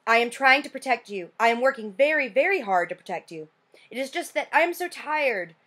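A woman's voice: sits high, expressive, a little fast, a bit bright, slightly rough, voice pushed up, exaggerated voice. A tired, stern old grandmother, as a woman reading a storybook aloud puts her on. She speaks in a weary, formal way and gives orders, her voice rising and falling. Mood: pleading.

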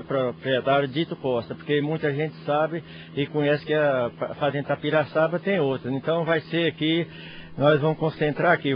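A man's voice: medium pitch, a little hiss or hum. A man, speaking colloquially and restarting phrases in an outdoor interview. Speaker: farm owner and riding club president. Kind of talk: informal interview. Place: outdoors beside a horse on a farm. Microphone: handheld reporter microphone. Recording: dull TV field audio.

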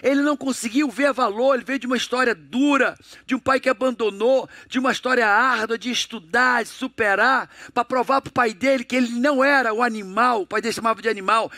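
Middle-aged Brazilian motivational speaker, high-pitched and dry, punchy rhetorical delivery. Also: male voice, no room sound. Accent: Brazilian Portuguese. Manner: emphatic, rhetorical questions to audience; acts out dialogues in a lowered, hushed voice. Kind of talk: motivational lecture.

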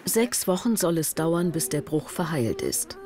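A woman narrating a television documentary in a measured, matter-of-fact scripted voice-over. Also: low-pitched, sing-song, darkish tone, slight background noise. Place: studio voice-over.

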